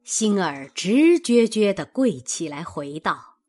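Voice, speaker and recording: A woman narrating a classic novel as a storyteller in a measured, expressive way. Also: medium pitch.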